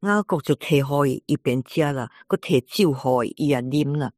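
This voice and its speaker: A reader works through a scripture passage in a steady, measured recitation. The voice sits at a middle pitch. The recording is close and dry. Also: no room sound. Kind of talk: scripture reading aloud.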